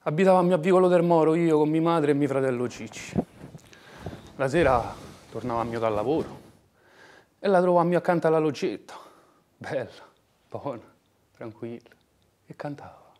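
A man acting an anguished working-class son in a dramatic monologue, with a Roman dialect accent, moving between hushed murmurs and impassioned outbursts. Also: fairly high pitch, moderate pace, long pauses, lightly acted. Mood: wistful. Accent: Roman (old Romanesco dialect). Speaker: actor.

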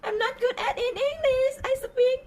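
A woman's voice: very high voice, drawn-out words, slight background noise, voice pushed up, heavily acted. A woman putting on a meek, flustered speaker who keeps apologizing in a tearful, whiny voice. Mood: whiny apologetic.

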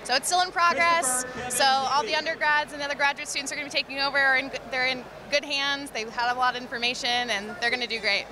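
A woman's voice: high-pitched, steady tone, fast, hardly any pauses, music in the background. A young woman in her twenties, cheerful, answering interview questions in a busy indoor gym. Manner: bright, cheerful. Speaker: graduate being interviewed. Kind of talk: casual interview.

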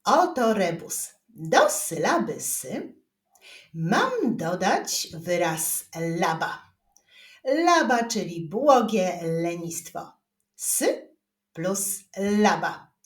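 A woman teaching young children to read, speaking slowly and clearly and drawing out each syllable. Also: mid-range voice, very animated. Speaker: reading teacher. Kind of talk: slow children's reading lesson. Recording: roomy echo.

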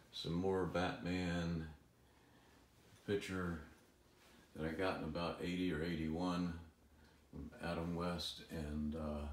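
Slow, deep-voiced man on a home tour. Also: roomy sound, a little hiss or hum. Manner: relaxed, rambling, chuckles often. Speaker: collector giving a home tour. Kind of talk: casual filmed walkthrough. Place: room in a home.

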